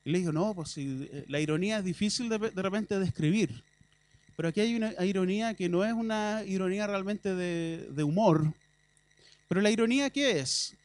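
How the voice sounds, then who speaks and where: Speaking in a high voice, a Chilean-accented preacher gives a church sermon as if talking with the congregation. Irony slips into his asides, and now and then he bursts out emphatically.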